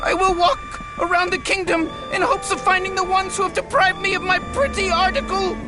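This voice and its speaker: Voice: very high-pitched, steady tone, a little fast, over music. An actor voicing a pompous, huffy lemon earl who speaks formally in a cartoon. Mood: indignant. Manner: formal, shrieking indignation. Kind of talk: cartoon voice acting.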